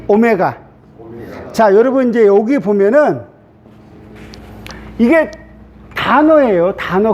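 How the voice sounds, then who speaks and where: A middle-aged man, a pastor, giving a chatty classroom lecture on the Greek alphabet, checking in with the class often. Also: a little mellow. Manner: chatty, repetitive, asks class "됐죠?". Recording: dull low-fi sound with faint hiss.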